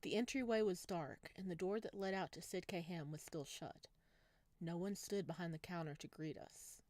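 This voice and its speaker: A woman's voice: on the low side, normal speed, darkish tone, dry recording. A woman let's player reading visual novel narration aloud and breaking off into casual commentary. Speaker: let's play streamer. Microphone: wearing headphones.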